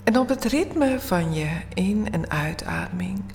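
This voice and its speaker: Woman doing a bedtime meditation, super slow n soothing, hushed almost whispery, music clearly playing behind. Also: fairly low pitch, expressive. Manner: slow, soothing, hushed, often near-whispered, with long pauses. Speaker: guided relaxation instructor. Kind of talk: guided bedtime body-scan meditation.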